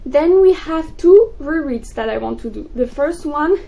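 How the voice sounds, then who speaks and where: A young woman, a native French speaker, chatting excitedly about books in a casual vlog. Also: high-pitched, vocal fry, slight background noise, low-quality recording. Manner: excitable, gushing, quick bursts. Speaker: book vlogger. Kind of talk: casual chat to camera.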